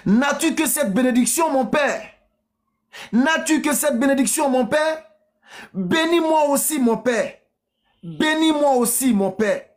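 A man's voice: extremely high pitch, animated, unhurried, pitched above the performer's own voice. A man voicing a grieving young son who begs his father, repeating the plea in a raised, crying-out tone. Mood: pleading, bitter.

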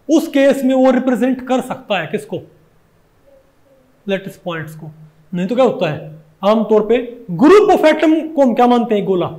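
A man with a Hindi accent and a strikingly high voice lectures on chemistry. He keeps asking his class rhetorical questions and goes over each point again and again. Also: darkish tone. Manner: asks constant rhetorical questions, repeats points. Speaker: chemistry teacher.

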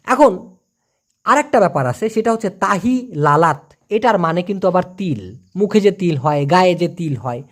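Chatty Bangladeshi man teaching language. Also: sits high. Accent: Bangladeshi Bengali. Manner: chatty, teasing, repeats phrases slowly. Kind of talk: casual spoken lesson.

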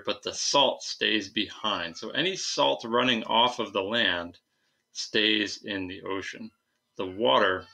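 Seated at a computer indoors, a young science teacher walks students through his slides in an informal lecture. His low voice carries some fry and sounds pushed and bright, and his explanations come out halting and conversational.

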